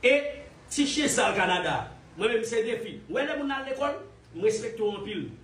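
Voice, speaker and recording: A man's voice: high-pitched, expressive, normal speed, a bit bright. A man from Haiti giving heated online commentary, mocking and scornful, repeating his jabs. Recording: roomy echo, distant from mic.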